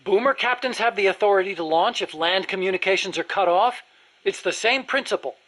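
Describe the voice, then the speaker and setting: In video game dialogue acting, a man plays an earnest, nerdy American weapons engineer who eagerly explains things in precise detail. His voice sits high and fairly bright, and he talks briskly.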